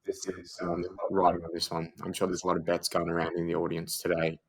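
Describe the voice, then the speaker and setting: Very deep-voiced man hosting casually. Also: monotone, quick pace, poor audio. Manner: playful, rambling with many fillers. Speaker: podcast co-host. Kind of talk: casual chat, mock awards show.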